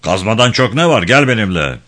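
Field: A man voicing a harsh, arrogant male mine foreman who scolds and shouts orders at his workers in a gruff, raised voice. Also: fairly low pitch, lively intonation, normal speed. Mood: scolding.

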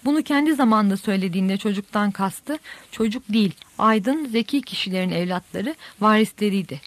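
A woman reading an audiobook aloud and voicing a grown man who calmly reflects on history. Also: mid-range voice, a little fast, no room sound, natural voice. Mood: reflective.

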